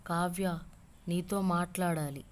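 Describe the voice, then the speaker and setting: A woman's voice: fairly low pitch, steady tone, a little slow, close to an everyday voice. A woman voicing a blunt, worried young wife who speaks sharply and directly. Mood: stern.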